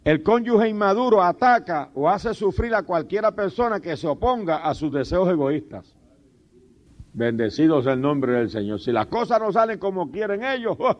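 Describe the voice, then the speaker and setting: A man preaching a sermon as pastor, fervent and humorous, breaking in often with praise to God. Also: on the high side. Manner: humorous storytelling with laughs. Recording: dull lo-fi sermon tape.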